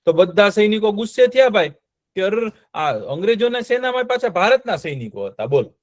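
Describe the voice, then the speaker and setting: A man's voice: sits high, big pitch swings, a little fast, dry recording, studio quality. A man telling a history story to children, often stopping to quiz them with check-in questions.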